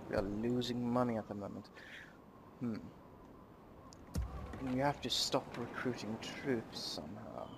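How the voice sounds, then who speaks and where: A man hosting a let's play, giving casual, halting commentary on a strategy game with many pauses. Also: medium pitch, background noise. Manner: halting, many ums and uhs.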